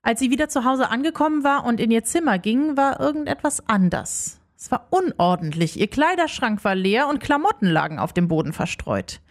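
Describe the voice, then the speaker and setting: A woman narrating a children's story in an expressive storybook reading. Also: fairly high pitch, normal speed, hardly any pauses. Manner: expressive, lively.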